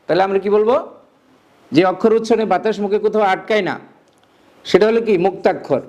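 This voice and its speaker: A man's voice: sits high, fast talker, darkish tone. A male teacher giving a grammar lesson, breaking phrases into single words, repeating them and quizzing the listener.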